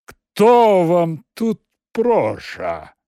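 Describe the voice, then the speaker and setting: A man's voice: high voice, huge pitch swings, very slow, warm tone, smooth, no room sound, clean studio sound, voice pushed up, full character voice. A man voicing an arrogant, irritable male office boss. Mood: haughty. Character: haughty, hot-tempered male office boss.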